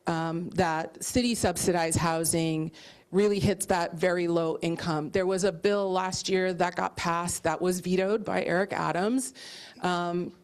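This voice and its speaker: A woman's voice: fairly low pitch, steady tone, measured pace, smooth. A woman council member confidently commenting on housing policy at a community meeting. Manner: confident, policy-focused, some "um"s. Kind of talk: remarks at a public meeting.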